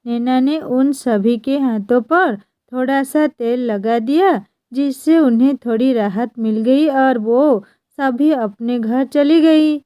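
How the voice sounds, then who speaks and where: A woman narrating a scripted family story in a plain, even storytelling manner. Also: high voice, takes it slowly, clean tone, no room sound, dull audio.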